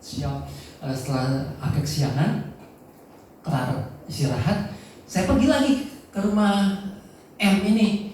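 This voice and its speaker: A man's voice: sits high, a little slow, pauses often, slight background noise. Conversational male pastor in echoey church. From Aceh, Indonesia. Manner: lively, conversational storytelling. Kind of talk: sermon with storytelling. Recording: echoey church hall from far off.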